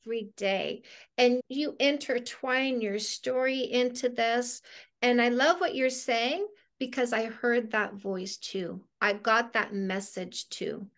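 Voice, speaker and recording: A woman's voice: a little high, slow. A middle-aged woman from Canada, a dating coach hosting an interview over a video call from her living room, speaking with effusive enthusiasm. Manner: effusive, warm affirmations.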